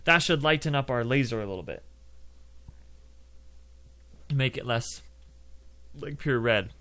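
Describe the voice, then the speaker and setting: A man's voice: medium pitch, lively intonation, normal speed, bright, forceful tone. A young man hosting a casual coding tutorial, chatting loosely through each step with lots of fillers. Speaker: game development tutorial host.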